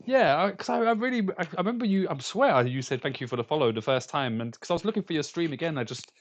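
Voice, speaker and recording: An English game developer in his thirties, from London, chats casually with viewers on a live stream, rambling with stammered restarts and frequent laughter. His voice is a little high, animated, and quick.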